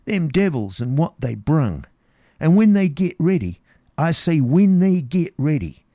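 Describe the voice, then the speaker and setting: A frantic old man, rambling in thick country dialect, voiced by a man reading aloud. His voice is gravelly and swoops high and low. It sits close and dry. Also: very animated, a little slow, warm tone, dry recording. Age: older. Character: wild-eyed terrified old male drunkard. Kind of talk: dramatic reading.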